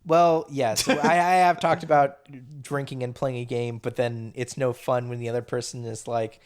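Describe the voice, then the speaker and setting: A man's voice: medium pitch, fairly even intonation, moderate pace, clean tone. A man hosting a podcast, chatting casually and rambling, often breaking into laughter. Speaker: podcast host. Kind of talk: casual chat.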